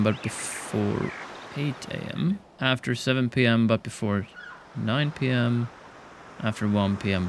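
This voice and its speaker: A man's voice: mid-range voice, slight background noise. Dry, sardonic male game narrator. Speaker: gaming channel host.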